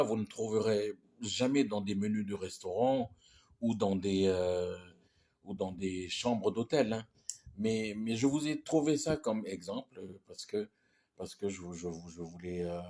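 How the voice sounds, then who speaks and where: Man, English teacher, speaking French, halting delivery, frequent restarts, lowish pitch, husky tone. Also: darkish tone. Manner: repetitive, halting, with many restarts and "hein", "ok?". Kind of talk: casual spoken lesson.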